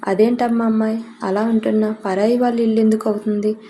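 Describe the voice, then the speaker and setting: A woman's voice: on the high side, level tone, fast talker, warm tone, a little hiss or hum, lightly acted. A woman voicing a reproachful middle-aged aunt in a family drama story.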